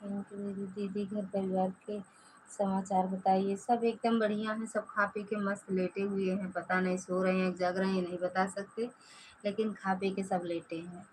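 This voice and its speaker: A woman's voice: medium pitch, flat delivery, normal speed, a little mellow, slight background noise, poor audio. A woman from Pratapgarh with an Awadhi-tinged Hindi accent, hosting a casual live stream from home and greeting viewers one by one by name. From Pratapgarh, Uttar Pradesh, India. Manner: chatty, greets viewers by name, stretches out words.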